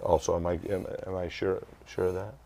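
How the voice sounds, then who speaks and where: A man's voice: sits low, little pitch movement, fairly quick, gravelly, mellow. An older man hosting a music show interview, rambling and folksy, with many uhs and restarts. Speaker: show host. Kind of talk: casual interview.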